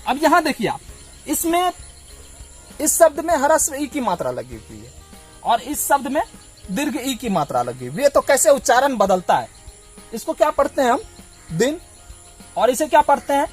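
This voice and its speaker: A man's voice: very high voice, big pitch swings, normal speed, soft background music. A man from Bihar teaching a blackboard lesson, patiently sounding out vowels and explaining them step by step. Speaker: Hindi teacher.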